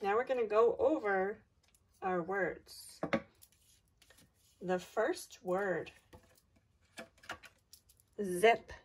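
A woman teacher giving a slow school dictation, speaking deliberately in simple instructions for young children and repeating words. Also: mid-range voice, a little mellow, slight background noise. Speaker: teacher giving a spelling test.

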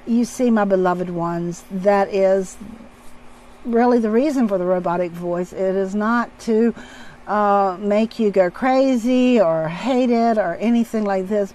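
A woman hosting her own channel, earnestly describing spiritual visions in unscripted talk, pausing often with ums. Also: medium pitch, rough recording. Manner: earnest, hesitant, many ums. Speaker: spiritual video channel host.

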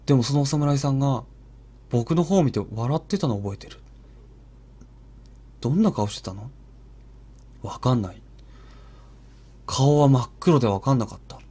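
A man voicing an eerie, dazed little boy who answers quietly and flatly. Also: medium pitch, normal speed, pauses often, breathy edge, voice pushed down. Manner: quiet, flat, vacant.

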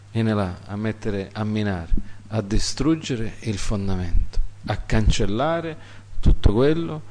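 A man preaching a sermon, repeating phrases for emphasis and swinging between loud, high exhortation and quiet, low asides.

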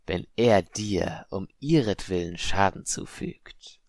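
A man doing a slow, hissing unseen voice. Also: low-pitched, lively intonation, dry recording, full character voice. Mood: cold. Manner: slow, hissing, quietly threatening. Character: eerie unseen whispering voice, cold and menacing.

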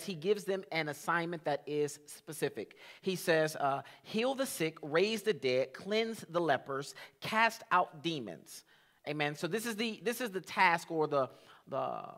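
A young man, a church pastor, teaching a sermon in a church sanctuary on a headset mic. He reads scripture slowly and says amen often. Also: a little high, fairly bright tone. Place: church sanctuary, drum kit behind.

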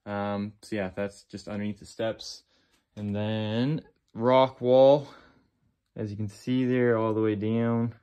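Holding his phone camera as he moves, a male real estate agent gives a casual tour of an old stone basement. His lowish voice is clear and resonant, and he takes it slowly, speaking plainly and relaxedly while thinking aloud with fillers.

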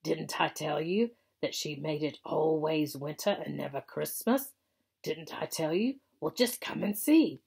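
A woman reading aloud, voicing an excited, friendly male talking beaver who shouts with delight. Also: sits low, unhurried, gravelly, breathy edge, heavily acted.

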